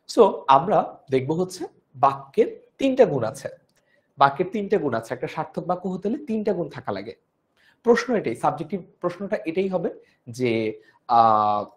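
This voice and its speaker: A young man with a Bangladeshi Bengali accent teaches a live online grammar class; his throat is strained and he explains patiently, repeating key points and checking in with "okay?". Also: mid-range voice. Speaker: online tutor.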